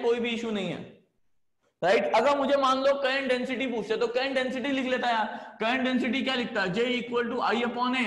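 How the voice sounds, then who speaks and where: A man's voice: very high-pitched, fairly bright tone, reverberant. A man teaching physics in a chatty lecture, coaxing his students along. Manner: chatty, coaxing, says "है ना" often. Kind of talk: classroom lecture.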